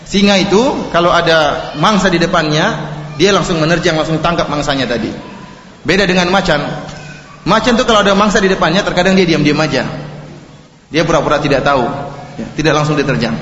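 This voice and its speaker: A man preaching an Islamic lecture in an animated way, joking and acting out the people in his examples. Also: on the high side. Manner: animated, jokes and laughs, acts out quotes. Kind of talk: religious lecture. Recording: echoey hall, dull lo-fi, faint noise.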